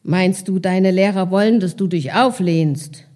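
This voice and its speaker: Stern teenage boy, lowered and pressing, mellow tone as a woman reading puts him on; slow, deliberate reading. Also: natural voice. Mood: lecturing. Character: irritated teenage boy, intense and lecturing. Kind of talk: literary reading.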